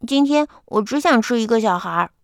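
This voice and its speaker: A woman's voice: fairly high pitch, lively intonation, fairly quick, gravelly, no room sound, studio quality. Woman voicing a stubborn little crocodile boy. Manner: sulky, insistent.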